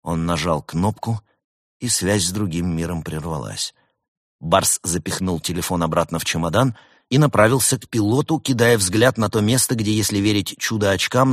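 A man narrating an audiobook with expressive, measured storytelling. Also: on the low side, no echo, clean studio sound.

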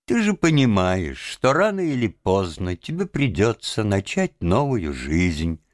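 Man playing a gentle, steady water rat, firm and friendly, storybook reading. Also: on the low side, measured pace, dry recording, studio quality, voice pushed up. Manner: firm but gentle, reasoning. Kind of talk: audiobook character voice.

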